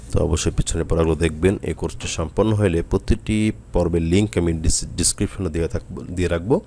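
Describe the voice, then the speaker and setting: A man teaching Quran reading in a slow spelling lesson, patiently sounding out each syllable before blending them. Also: low voice, mellow, slight background noise.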